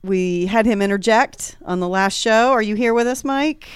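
A woman in her forties chats on air, telling stories and laughing as she goes. Her voice is smooth and clear, in a dry studio with no room sound. She sits at a middle pitch. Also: moderate pace, no echo. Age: 40s. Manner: chatty, laughing storyteller. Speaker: radio co-host. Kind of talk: casual chat.

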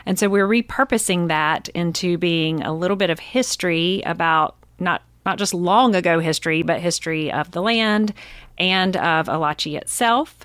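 A woman's voice: fairly low pitch, normal speed, fairly bright tone, no room sound. A woman speaking as a radio interview guest, upbeat and enthusiastic, with a few fillers. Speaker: nature center president.

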